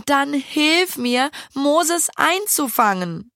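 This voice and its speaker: Casting: high, shrill, flustered little girl, put on by a woman narrator, pleading and near tears, storybook. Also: sing-song, slow pace, sharp tone, no room sound, clean studio sound, full character voice. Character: upset young girl chasing a pig.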